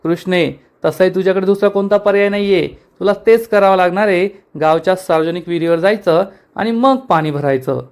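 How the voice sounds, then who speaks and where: A man's voice: high-pitched, brisk, few pauses, darkish tone, clear, resonant tone. A man reading aloud the angry lines of a spiteful, scheming older woman who owns the house, in snapping, defiant retorts. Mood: irritated.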